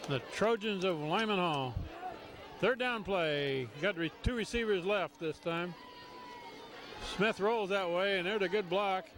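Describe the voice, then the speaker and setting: A man doing steady, conversational play-by-play of a high school football game. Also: unhurried, background noise. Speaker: play-by-play announcer.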